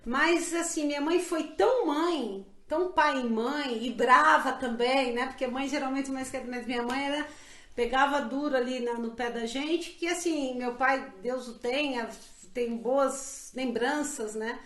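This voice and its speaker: A woman's voice: sits high, a little slow, fairly bright tone. A middle-aged Brazilian woman, interviewed in a casual chat, talks in an earnest, reflective way with many fillers and restarts. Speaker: interviewee, council pre-candidate. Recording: echoey room.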